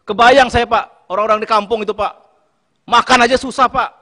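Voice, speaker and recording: A man's voice: very high voice, steady tone, brisk, sharp tone. A man chairing a parliamentary committee hearing, pleading emphatically and repeating his address to the minister again and again. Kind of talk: impassioned hearing speech. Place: large parliamentary meeting room. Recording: long reverb in a hearing chamber.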